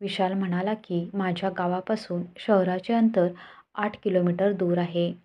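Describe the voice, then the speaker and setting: Female storyteller, low husky voice, steady read, muffled lo-fi sound. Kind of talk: scripted narration. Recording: dull lo-fi recording.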